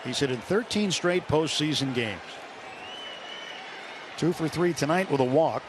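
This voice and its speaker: In a stadium broadcast booth, a man calls a baseball game live on radio in clipped present-tense bursts, his voice a little high, expressive and unhurried. The noisy ballpark broadcast carries loud crowd ambience behind him.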